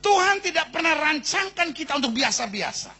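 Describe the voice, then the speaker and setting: Husky male Indonesian preacher, animated and sharp, big swings in pitch. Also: a little fast. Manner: animated storyteller acting out characters, shouting at climaxes. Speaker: pastor. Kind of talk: sermon with humorous stories.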